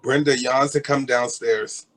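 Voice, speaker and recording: A man reading the stage directions aloud in a play reading, in a plain, even way. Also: mid-range voice, measured pace, poor audio.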